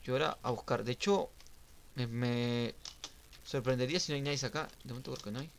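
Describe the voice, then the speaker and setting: A young man streaming a game, giving casual live commentary that swings from muttering to sudden shouts and sing-song teasing. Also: medium pitch, brisk, a little hiss or hum. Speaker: gaming streamer.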